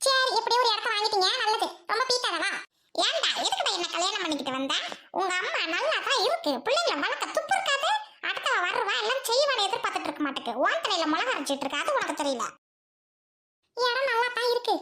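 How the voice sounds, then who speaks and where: In a comic serial spoof, a woman plays a brash, defiant young daughter-in-law who loudly scolds and boasts. Her voice is very high and sing-song at a quick pace, with background noise in the recording.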